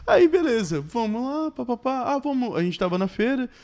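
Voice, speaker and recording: A Brazilian man chatting casually and slangily on a podcast, telling stories in an animated way and acting out what people said. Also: extremely high pitch, moderate pace. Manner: animated storyteller, slangy, acts out reported dialogue. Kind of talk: casual chat.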